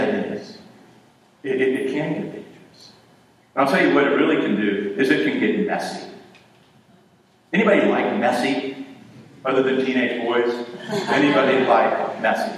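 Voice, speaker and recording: A man preaching a sermon as pastor to his congregation in a large church, talking conversationally and throwing rhetorical questions at the room. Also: a little high. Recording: echoey hall from far off.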